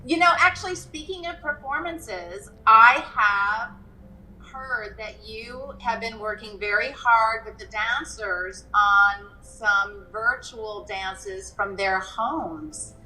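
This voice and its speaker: A woman's voice: on the high side, takes it slowly, sharp tone, roomy sound, a little hiss or hum, rough recording. A woman interviewing a guest over a video call, enthusiastic and asking leading questions. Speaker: interviewer, incoming artistic director. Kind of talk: hosted conversation.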